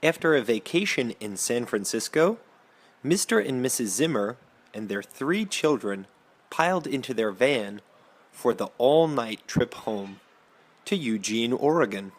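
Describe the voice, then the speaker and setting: A man teaching English, telling a news story to learners with a slow, carefully spaced delivery. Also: medium pitch, animated.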